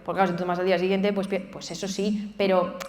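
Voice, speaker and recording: Woman, middle pitch, informal explanatory answers, frequent checking tags, echoing hall. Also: flat delivery, fast talker, darkish tone. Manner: explanatory, often checking with "vale". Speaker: nutrition specialist answering questions. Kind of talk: informal question-and-answer talk. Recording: echoey hall with long reverb.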